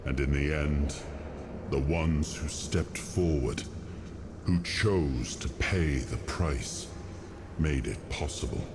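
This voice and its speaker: A man's voice: rumbling low, noisy background. An actor playing a weary, burdened noble king in a video game cutscene, speaking with grave, solemn deliberation. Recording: loud music behind the voice. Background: music.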